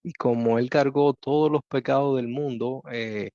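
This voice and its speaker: Dominican accent, man, Bible study co-host, reflective pauses, dry studio sound. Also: medium pitch, fairly even intonation, dark tone, no room sound, lo-fi sound. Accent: Dominican Spanish. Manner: slow and reflective, with frequent "eh" pauses. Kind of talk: Bible lesson teaching.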